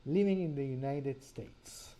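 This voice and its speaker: Spanish-accented man with a dark voice. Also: medium pitch, rough recording. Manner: earnest storyteller, pauses with fillers. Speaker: author and course presenter. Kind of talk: personal story in a language lesson.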